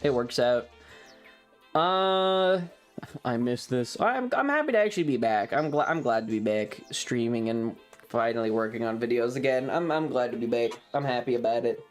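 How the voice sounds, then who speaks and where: Talking off the cuff to a live chat in a casual livestream, a young adult streamer speaks in an animated, medium-pitched voice at a moderate pace. The talk is rambling and hesitant, doubling back to repeat phrases, while music plays underneath.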